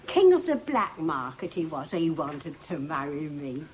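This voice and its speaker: A woman's voice: deep voice, sing-song, unhurried, a little mellow. An actress playing a boastful elderly grandmother who reminisces theatrically and giggles. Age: older. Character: boastful elderly grandmother reliving wartime glory. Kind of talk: 1980s sitcom acting. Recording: noisy old TV recording, audience laughter.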